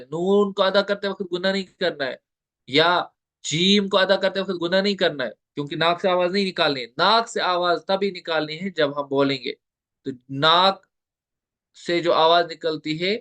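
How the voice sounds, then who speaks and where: A man giving an online tajweed lesson, explaining step by step and slowly repeating the letter sounds for his students. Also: on the high side, fairly bright tone. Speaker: Quran recitation teacher.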